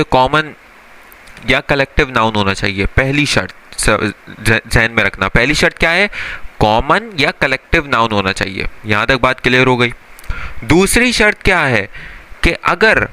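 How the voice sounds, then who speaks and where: A man's voice: on the high side, pushed and bright, smooth. A young man teaching English grammar in a classroom style, asking his students questions and answering them himself, and calling them son or brother.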